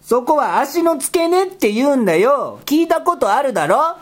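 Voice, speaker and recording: A woman voicing a bossy, exasperated rabbit character who talks in rough boyish speech and scolds his partner in a comedy skit. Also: high-pitched, big pitch swings, moderate pace. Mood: scolding, exasperated. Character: gruff bossy rabbit guy, exasperated straight man.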